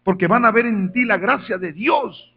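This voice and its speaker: A man preaching a sermon, telling stories in quiet asides and rising to loud calls for praise. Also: high-pitched, moderate pace, husky, highs cut off. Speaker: pastor.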